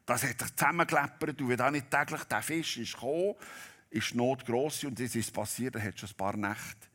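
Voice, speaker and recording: A man preaching a sermon, telling a Bible story dramatically and swinging between loud and hushed delivery. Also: mid-range voice, fairly quick.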